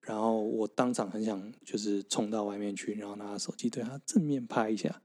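A man with a Taiwanese Mandarin accent, co-hosting a podcast, telling stories in an unhurried, playful way. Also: fairly low pitch, steady tone, a little mellow. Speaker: podcast co-host. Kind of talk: casual chat.

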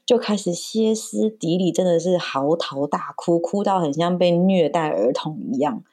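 A woman's voice: fairly low pitch, moderate pace, mellow. A woman from Taiwan, a mother and podcast guest, telling a family story in casual chat and acting out the voices of her child and herself.

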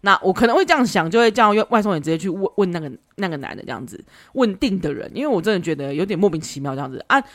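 A woman hosting a podcast, telling a story casually, animated and laughing often. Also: lowish voice, rapid-fire. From Taiwan. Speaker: podcast host.

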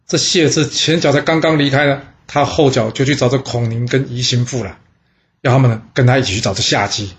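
A man hosting a storytelling podcast, telling history in a chatty, lively way. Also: mid-range voice, brisk. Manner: chatty, lively storyteller voicing characters in dialogue. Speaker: storyteller host.

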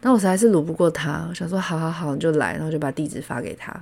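A woman from Taiwan with a Taiwanese Mandarin accent, hosting a podcast and telling stories in a casual, animated way, laughing often. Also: low-pitched, rapid-fire, gravelly. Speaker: podcast host. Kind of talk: casual storytelling.

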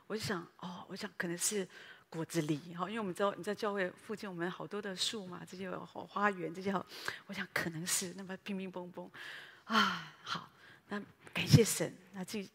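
Husky woman pastor preaching in a hall. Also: mid-range voice. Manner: lively storytelling, addresses the congregation directly. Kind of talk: sermon. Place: church.

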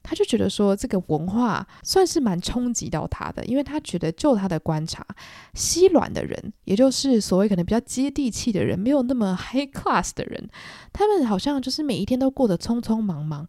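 A woman's voice: a little high, sing-song, brisk, dark tone, no room sound, clean studio sound. Chatty woman podcaster. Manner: chatty, acts out quotes. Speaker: podcast host. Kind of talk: casual book club retelling.

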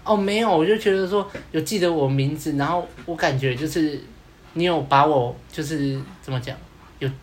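A man's voice: on the high side, normal speed, slight background noise. A man co-hosting a podcast in casual chat, rambling and often repeating himself. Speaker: podcast co-host.

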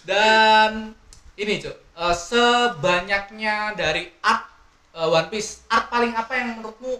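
A man's voice: high-pitched, a little slow, bright, forceful tone, soft background music. Young male podcast host, eager questioner, swears a lot, echoey room. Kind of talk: casual chat.

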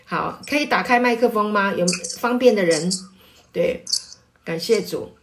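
A woman in church ministry teaches her congregation in a sermon. She explains patiently, leaning on frequent fillers, and rises into loud, fervent exhortation when she leads the prayer. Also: medium pitch, measured pace, background noise. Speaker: pastor's wife leading prayer. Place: church meeting, also online.

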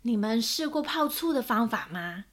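一位女性扮演一位爱管闲事、指手画脚的邻居阿姨。. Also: female voice, on the high side, expressive, moderate pace, a bit bright. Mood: bossy. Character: nosy, bossy neighbor lady.

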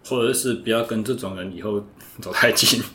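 A man's voice: fairly low pitch, a little fast, bright, forceful tone, slight background noise. A man hosting a podcast interview, agreeably summing up his guest's points. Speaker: podcast host. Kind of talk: casual interview chat. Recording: roomy echo.

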